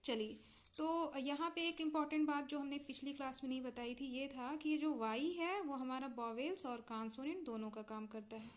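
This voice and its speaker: High-voiced Indian woman teaching phonics. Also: normal speed. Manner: patient, repeats and checks with "है ना?". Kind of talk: explaining English phonics in Hindi.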